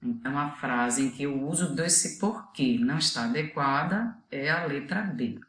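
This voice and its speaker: A woman's voice: extremely low pitch, moderate pace, echoey room. A woman teacher with a Brazilian Portuguese accent gives a video lesson, explaining patiently and asking the students to think.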